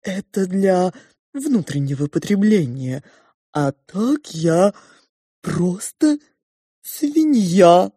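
Lady putting on a slow pompous pig with two heads, low-key dark voice, drags every word. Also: expressive, breathy edge, no room sound, clean studio sound, exaggerated voice. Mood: ponderous. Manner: slow, ponderous, drawn-out speech. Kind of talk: audiobook character voice.

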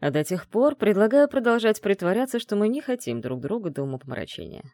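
A man voicing an arrogant male mage mentor who taunts in a calm, low, mocking tone, in an audiobook. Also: fairly quick, no room sound, clean studio sound. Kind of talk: audiobook dialogue reading.

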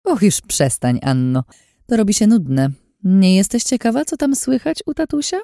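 A woman's voice: mid-range voice, very animated, normal speed, warm tone, no echo, studio quality, voice pushed up. A woman voicing a scheming, mocking woman in an audiobook, smug and threatening, in a taunting sing-song way.

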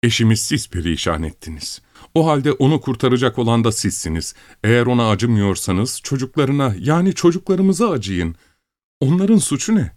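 A man's voice: medium pitch, very animated, normal speed, slightly rough, no room sound, studio quality, pitched above the performer's own voice. A man voicing a tearful, genteel married woman who pleads and weeps, in an audiobook story. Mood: tearful pleading. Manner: weeping, imploring.

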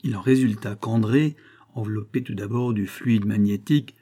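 Guy reading an old novel aloud, husky dark voice, steady and deliberate. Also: on the low side. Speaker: audiobook reader. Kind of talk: scripted narration of a classic novel.

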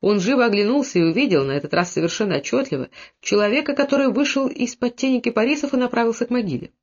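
Man, audiobook narration, fairly high voice, dull lo-fi sound. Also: fast. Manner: steady storytelling, lowers voice for characters' quoted lines. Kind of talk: scripted narration.

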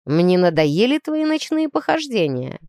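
A woman's voice: medium pitch, big pitch swings, unhurried, a little mellow, no echo, clean studio sound. A woman voicing a stern strict uncle. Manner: reproachful, strict. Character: stern adult man, an uncle.

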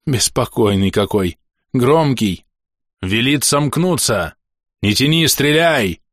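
A man's voice: medium pitch, lively intonation, slow, fairly bright tone, dry recording, studio quality, voice pushed up. A man voicing a naive, cheerful blind monk in an audiobook, speaking with simple wonder.

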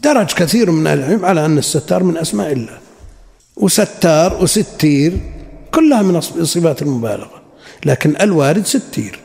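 A man teaching a religious lesson, reading quotations from classical sources and then explaining them in a measured way. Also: on the high side, expressive, vocal fry, darkish tone, breathy edge. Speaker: Islamic scholar teaching a lesson. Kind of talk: lecture explaining a classical text. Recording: long hall reverb.

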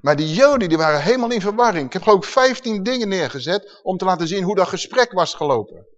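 A man's voice: high voice, animated, fast. A male preacher giving an emphatic sermon and asking the congregation questions. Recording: dull lo-fi recording.

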